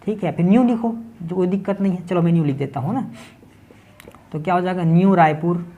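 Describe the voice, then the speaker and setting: A man's voice: high voice, fairly quick, phone-quality sound. A man from Chhattisgarh teaching English grammar in Hindi with a local accent, explaining step by step and often checking in with his class. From Chhattisgarh, India. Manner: step-by-step, keeps checking in with "ठीक है". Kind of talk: classroom grammar lesson at a board.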